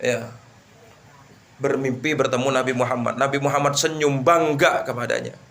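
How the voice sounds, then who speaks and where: A man teaching an Islamic book study, telling a moral story with lively rhetorical questions. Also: mid-range voice, moderate pace, gravelly. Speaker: religious teacher.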